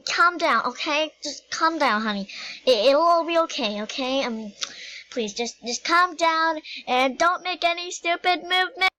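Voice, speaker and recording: A woman's voice: sits high, lively intonation, unhurried, sharp tone, no echo, pitched above the performer's own voice, full character voice, rough recording. A woman putting on the voice of a sassy, bossy apple seller who scolds and calls people darling and honey. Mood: scolding. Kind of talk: amateur voiced animal skit.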